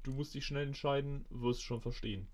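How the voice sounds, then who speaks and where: A man's voice: medium pitch, fairly even intonation, fairly quick. A man casually running a teasing word quiz and chatting in a dry way. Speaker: quiz host. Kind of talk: casual chat. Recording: call audio, hard to hear.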